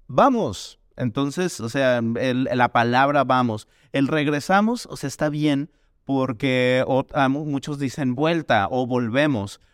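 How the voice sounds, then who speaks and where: A man's voice: medium pitch, slow pace, dry recording, clean studio sound. A man teaching a Dalcroze music lesson, explaining exercises and chanting rhythm syllables to demonstrate.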